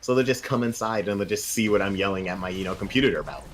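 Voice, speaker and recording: A young man casting a video game match live, joking casually and getting faster and louder during fights. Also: lowish voice, a little hiss or hum. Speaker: esports caster.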